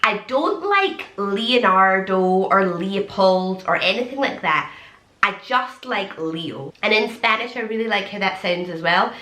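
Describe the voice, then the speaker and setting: A young woman from Scotland, pregnant, chatting to camera in a casual, enthusiastic vlog with quick asides. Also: mid-range voice, animated, bright, forceful tone. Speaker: vlogger. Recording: echoey room.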